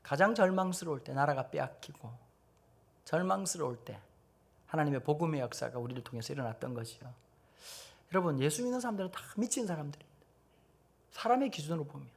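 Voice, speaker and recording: A man's voice: fairly high pitch, expressive, quick pace, creaky, pauses often, breathy edge. A middle-aged man with a Gyeongsang Korean accent, preaching at a teachers' seminar with blunt humor and acted-out quotes. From Gyeongsang region, South Korea. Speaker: pastor.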